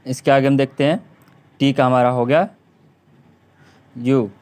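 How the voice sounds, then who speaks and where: Male tutor, mid pitch; drills words by repetition, clears throat often. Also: fairly even intonation, a little slow, darkish tone. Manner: repeats words over and over, drawn out, with frequent throat clearing. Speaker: English teacher. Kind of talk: classroom lesson on silent letters.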